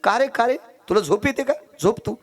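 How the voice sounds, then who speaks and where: A man preacher voicing a caring old male saint who asks questions in a raised, lively voice, in a devotional sermon story. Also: very high-pitched, brisk, pitched above the performer's own voice.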